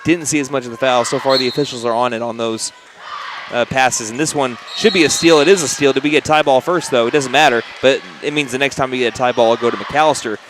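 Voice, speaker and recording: A man with an Oklahoma accent calling high school basketball play-by-play on the radio, quick and chatty with jokey asides. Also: background noise. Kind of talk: play-by-play commentary.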